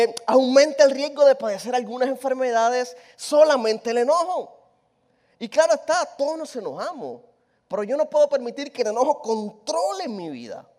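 A man preaching a lively, humorous sermon, telling stories and asking the congregation rhetorical questions. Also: very high voice.

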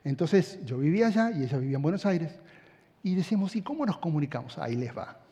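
A middle-aged man with an Argentine accent preaching a sermon, an animated storyteller who swings from hushed tones to shouting. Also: on the high side, fast. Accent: Argentine Spanish. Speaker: pastor. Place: large hall with audience. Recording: long hall reverb.

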